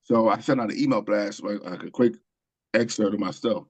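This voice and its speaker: Here the Queens-born author and screenwriter tells casual stories as an interview guest, full of ums and false starts. He speaks on the low side and slightly quickly, and the audio sounds dull.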